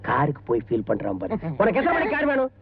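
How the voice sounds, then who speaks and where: A man's voice: mid-range voice, wildly swooping pitch, quick pace, creaky, slight background noise. A male comic actor playing a bossy schemer who scolds and mocks his friend, on an old tinny film soundtrack. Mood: mocking. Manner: bossy, mocking, scolding banter. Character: bossy scheming man, mocking and loud. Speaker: comedian in a film scene.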